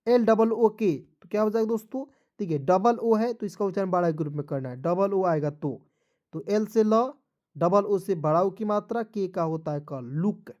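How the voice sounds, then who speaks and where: A man teaching a spelling and pronunciation lesson in a warm, mellow voice. He spells words letter by letter and then says each one aloud. He keeps turning to his viewers with quick questions, calling them friends. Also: high-pitched.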